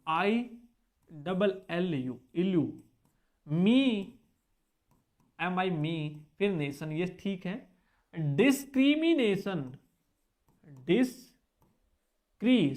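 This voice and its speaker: A high-voiced man leads an exam-prep spelling lesson, spelling words out letter by letter and repeating the key points. He keeps his students engaged by coaxing them with quick check-back questions.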